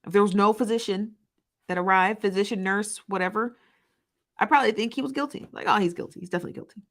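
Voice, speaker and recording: Her voice is medium-pitched with a fairly bright tone. As a commentary host delivering opinionated news takes and going through viewers' comments, she tells stories confidently, pressing her points hard, repeating herself, arguing and laughing briefly.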